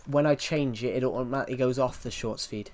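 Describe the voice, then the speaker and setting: This fast-talking man has a medium pitch and a somewhat dark tone. Streaming live from his home PC, he rambles in a relaxed way, reading and replying to chat aloud in a heavy accent with strong R's.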